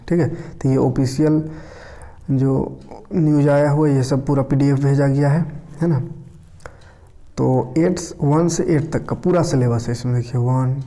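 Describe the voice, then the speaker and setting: A man's voice: mid-range voice, dark tone. A man from Jharkhand with a Jharkhand Hindi accent, teaching casually and often checking in with his listeners. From India. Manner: conversational, tag phrases like "okay" and "isn't it". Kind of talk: casual explanatory lesson.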